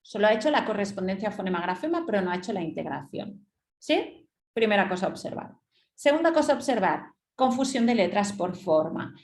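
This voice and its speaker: A woman's voice: medium pitch, big pitch swings, brisk, darkish tone, reverberant, a little hiss or hum. A woman leading an instructive webinar, explaining step by step and often checking in with her listeners. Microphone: webinar computer mic.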